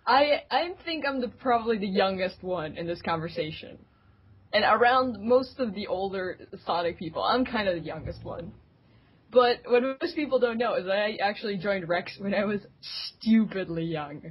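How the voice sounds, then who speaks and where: A woman's voice: medium pitch, moderate pace, husky. A woman telling stories with giggles, as a guest in a casual group interview. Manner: giggly, animated storytelling. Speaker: guest, community staff member. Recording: dull lo-fi audio.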